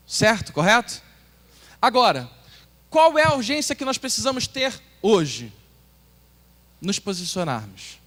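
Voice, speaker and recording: Man, Brazilian Portuguese accent, pastor's sermon, high voice, echoing church hall. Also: fairly bright tone. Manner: earnest, urging, asks the congregation questions. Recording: long hall reverb.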